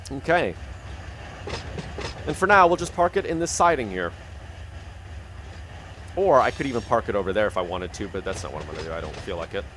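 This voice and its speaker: A man's voice: lowish voice, animated, a little fast, long pauses, a bit bright, a little hiss or hum. A man hosting casual gameplay commentary on a train simulator, chatting, thinking aloud and talking to his train while he has the hiccups. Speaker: gaming channel host.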